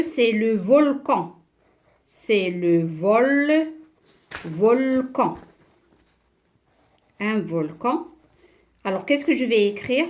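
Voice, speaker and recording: A woman teaching a beginner French class, speaking slowly and patiently, spelling out letters and syllables and checking understanding with questions. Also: a little high. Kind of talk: beginner French lesson at a board.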